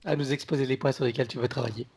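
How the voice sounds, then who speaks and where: A man's voice: medium pitch, steady tone, rapid-fire, creaky, a little mellow, slightly rough. A man hosting a spiritual session in an informal, conversational way.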